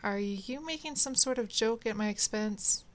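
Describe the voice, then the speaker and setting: A woman voicing a calm, bewildered woman who answers gently in a read-aloud story. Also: a little high, normal speed, lightly acted. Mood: puzzled, calm. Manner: mild, bewildered replies.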